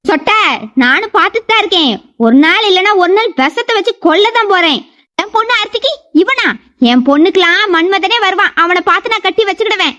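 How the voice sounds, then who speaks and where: High-pitched, scornful wicked stepmother. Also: expressive, fast, bright, forceful tone, exaggerated voice. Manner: scornful, bossy and threatening. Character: scheming cruel stepmother, middle-aged woman. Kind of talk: dubbed cartoon drama.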